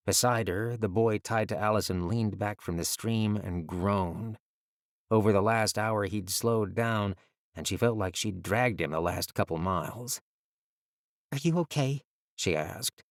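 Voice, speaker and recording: A man reading a fantasy audiobook as narrator, in a measured, even storytelling delivery. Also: fairly low pitch, no room sound, clean studio sound.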